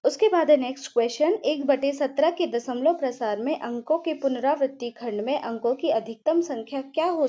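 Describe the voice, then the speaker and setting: High-pitched lady teacher doing a maths problem slow and patient, keeps asking then answering herself, kinda dull lo-fi audio. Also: dark tone. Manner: patient, repeats "ठीक है" and asks herself questions. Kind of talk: step-by-step maths lesson.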